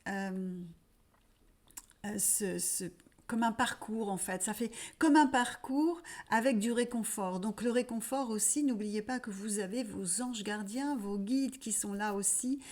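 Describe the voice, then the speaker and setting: A woman hosting a weekly spiritual message, talking gently and haltingly, with many fillers and restarts. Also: mid-range voice. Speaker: spiritual channel host.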